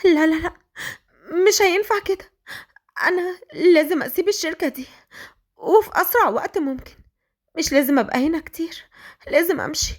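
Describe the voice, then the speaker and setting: A woman with an Egyptian accent voicing a frightened young female office worker, high-pitched and pleading. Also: big pitch swings, fast, a bit bright, exaggerated voice. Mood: distraught. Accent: Egyptian Arabic.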